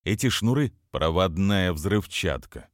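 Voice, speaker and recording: A man's voice: deep voice, very animated, unhurried, no echo, clean studio sound. A man doing a wry, blunt undercover agent. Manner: wry, patient, gruff asides. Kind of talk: audiobook character voicing.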